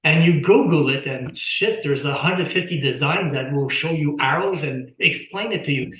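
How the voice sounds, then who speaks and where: Man, higher voice, rambling interview guest telling stories over a dull video call. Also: moderate pace, a bit bright, roomy sound. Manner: rambling, repeats words, tells anecdotes. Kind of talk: casual explanatory talk.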